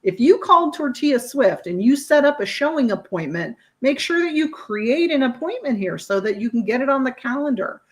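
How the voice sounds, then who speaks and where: A woman leading a screen-share software training, explaining features in an upbeat, conversational way with frequent fillers. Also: sits high, sing-song, normal speed, hardly any pauses.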